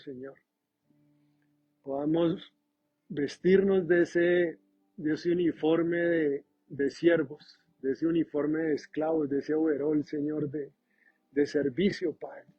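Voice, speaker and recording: A male pastor prays slowly and earnestly, pausing to repeat words. His voice sits a little high and has a husky edge. Soft music plays behind him on a slightly dull recording. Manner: slow, earnest prayer with pauses and repeated words. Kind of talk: closing prayer in a sermon.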